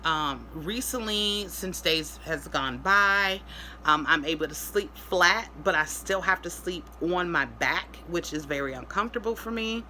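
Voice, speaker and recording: A woman speaking casually in a vlog update, sounding weary and drained, in pain after surgery, with halting delivery. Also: fairly low pitch, sharp tone, a little hiss or hum, rough recording. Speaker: vlogger.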